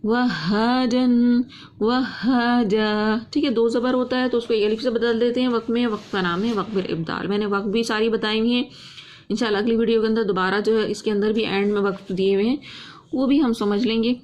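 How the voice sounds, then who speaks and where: A woman teaching Quran reading, who drags out each word twice in slow recitation, then explains quickly, asking and answering her own questions. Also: fairly high pitch, fairly even intonation, a little mellow.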